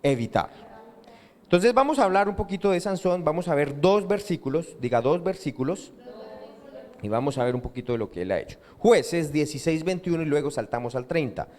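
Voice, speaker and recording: A man's voice: fairly high pitch, animated, a little fast, a little mellow. A man with a Colombian accent, a pastor preaching a sermon and drawing answers from the congregation with questions. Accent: Colombian Spanish. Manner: call-and-response questions to the congregation. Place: church hall. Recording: church hall with long reverb.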